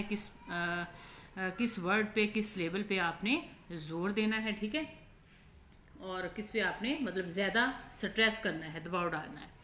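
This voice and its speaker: Her voice sits in the middle range and sounds a bit bright as this patient Pakistani teacher walks through an online lesson in Pakistani-accented Urdu. She takes things slowly, often repeating "ठीक है?", in an echoey space with a little faint noise.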